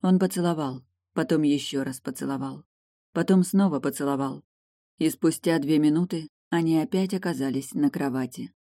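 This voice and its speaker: Low dark-voiced woman narrator. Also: normal speed, no echo, studio quality. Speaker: audiobook narrator. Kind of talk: scripted narration of a romance novel.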